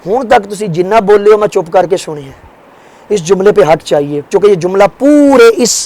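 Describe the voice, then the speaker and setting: Guy preaching a sermon w a really high voice, fiery, lots of oaths and questions, goes loud then suddenly hushed. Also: lively intonation, rough recording. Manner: impassioned, swears oaths, rhetorical questions; swings between loud rises and hushed drops. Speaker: majlis preacher. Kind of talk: religious sermon.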